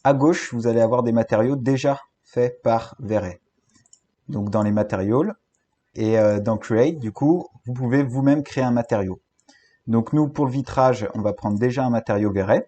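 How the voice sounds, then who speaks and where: A man with a French accent giving a screen-recorded software tutorial, talking hesitantly with many fillers and restarts. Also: mid-range voice, normal speed.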